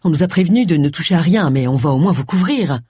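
A woman voicing a caring, brisk village woman in an audiobook. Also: deep voice, expressive, warm tone, slightly rough, no room sound, clean studio sound.

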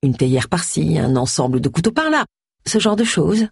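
A woman narrating an audiobook in a wry, lively storytelling manner. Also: low-pitched, normal speed, gravelly, husky, no room sound, clean studio sound. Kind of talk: scripted narration.

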